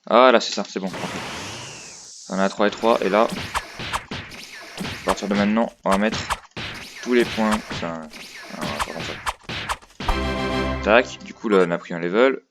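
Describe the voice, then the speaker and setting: A man's voice: lowish voice, normal speed, pauses often, music in the background. A man hosting a casual gaming let's play, thinking aloud in a rambling, hesitant way, recorded on a headset microphone. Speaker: gaming video host. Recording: noisy headset mic with clicks. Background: clear noise and clicking.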